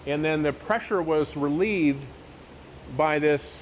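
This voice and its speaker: A man with a fairly high voice acts as a tour guide, explaining things informally and a bit haltingly. He is recorded on location underground, with faint background noise. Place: inside an old mill and underground water tunnel.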